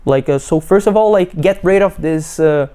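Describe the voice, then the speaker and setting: A young Brazilian PhD student with a Brazilian Portuguese accent gives a testimonial interview, halting and full of fillers and restarts. His voice is a little high, mellow and smooth.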